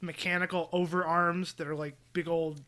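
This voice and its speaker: A man with a bright, forward voice riffing in a relaxed podcast chat. He pitches ideas with a dry, sarcastic edge, slightly higher than most men. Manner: sarcastic, quick to joke. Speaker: podcast co-host. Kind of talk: casual brainstorming chat.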